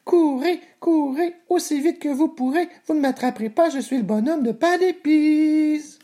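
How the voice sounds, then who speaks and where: A man voicing a tiny, cheeky, boastful gingerbread boy in a squeaky, taunting sing-song for a storybook reading. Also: normal speed, mellow.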